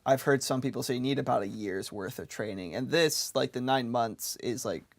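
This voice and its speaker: A man's voice: medium pitch, normal speed, vocal fry, no room sound. A young American man in his twenties, a debate guest telling his story loosely with lots of "like". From United States. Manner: loose, filler-heavy storytelling with frequent "like". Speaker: debate guest supporting conscription. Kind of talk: casual debate chat.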